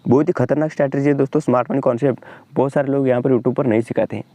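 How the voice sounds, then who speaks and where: A young Indian man with an Indian accent, rapidly walking through a trading chart tutorial and pointing things out again and again. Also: mid-range voice, fairly even intonation, dark tone, no room sound. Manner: fast, repetitive explainer, keeps pointing at the chart. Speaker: trading channel host. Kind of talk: screen-share trading tutorial.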